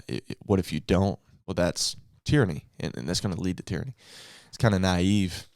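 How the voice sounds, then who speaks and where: Male co-host, low-pitched, dry sound, thoughtful and loosely structured. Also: vocal fry, no room sound. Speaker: podcast co-host. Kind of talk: casual theology discussion.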